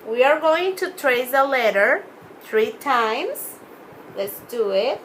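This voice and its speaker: Young woman, Spanish first language, kids' teacher on video: very slow, patient phonics drills, clear bright tone. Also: high voice, expressive, a little hiss or hum, low-quality recording. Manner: slow, drawn-out phonics teaching with counting and repeated words. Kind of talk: children's class video lesson.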